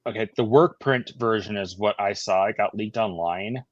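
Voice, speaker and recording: Man, podcast co-host, thoughtful explainer, lowish voice, dry dull sound. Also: normal speed, no echo. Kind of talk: casual chat.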